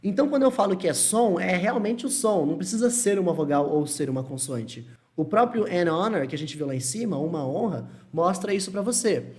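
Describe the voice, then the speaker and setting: Guy teaching english, goes up and down a lot, slows way down to model words. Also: high-pitched, animated, darkish tone. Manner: explains step by step, checks in with "tudo bem?"; models English words slowly and repeats them. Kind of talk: Portuguese-language English lesson.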